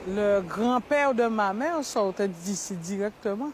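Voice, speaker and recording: A woman's voice: mid-range voice, lively intonation, unhurried, noisy background. A woman from Guadeloupe speaking with emotion in a documentary interview. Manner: emotional, heartfelt.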